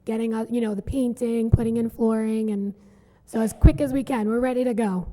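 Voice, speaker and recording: A woman's voice: fairly high pitch, flat delivery, a little fast, mellow. A woman speaking as an applicant business owner at a hearing, polite, thankful and matter-of-fact. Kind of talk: public hearing remarks. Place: village hall meeting room. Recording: reverberant hall.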